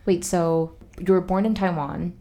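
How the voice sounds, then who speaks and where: A young adult woman hosts a podcast, chatting curiously with a friend in a casual interview and using frequent fillers. Her voice is fairly low and warm, with fairly even intonation and a slightly slow pace.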